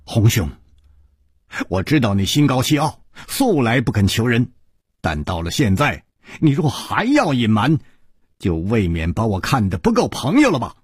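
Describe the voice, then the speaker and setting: A male storyteller voicing a suave, calm male hero swordsman who speaks with easy, smiling confidence in a radio story. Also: medium pitch, normal speed, slightly rough, no echo, clean studio sound. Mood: easygoing. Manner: smiling, easygoing.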